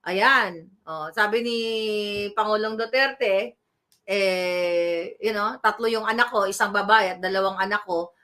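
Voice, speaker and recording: A woman giving animated, scolding political commentary, mixing in English phrases and asking her viewers for agreement. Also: mid-range voice, measured pace. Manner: animated, scolding, mixes Tagalog with English, asks "di ba?" often.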